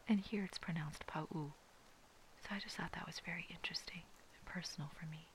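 A person from Hawaii giving a slow, reverent, fully whispered commentary on Bible passages. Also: mid-range voice, poor audio. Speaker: devotional Bible reader.

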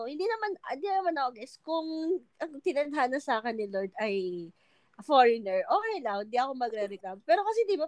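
A woman in casual chat, talking in an animated way and laughing often. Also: high voice, dry recording. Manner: animated, laughing, Taglish chatter.

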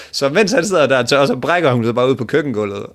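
A man's voice: medium pitch, animated. A man casually retelling an embarrassing date story to a co-host, joking crudely and laughing along. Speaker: podcast host.

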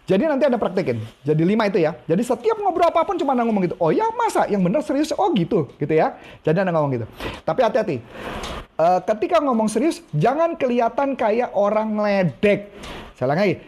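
A man's voice: high-pitched, sing-song, quick pace, a little mellow. A man coaching a live-streamed training session, chatty and teasing, who repeats each instruction several times. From Indonesia.

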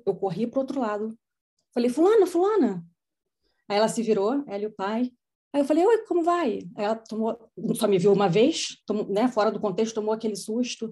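A middle-aged woman psychologist telling stories from her practice in a podcast conversation, acting out what people said. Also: mid-range voice. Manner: storytelling, animated quoting of others. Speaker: child psychologist.

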